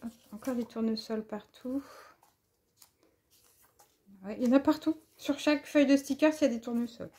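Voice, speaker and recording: A woman's voice: on the high side, normal speed, pauses often, dark tone, husky. A French woman showing off craft paper and stickers in a casual, enthusiastic haul video, gushing over each item. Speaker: crafting vlogger.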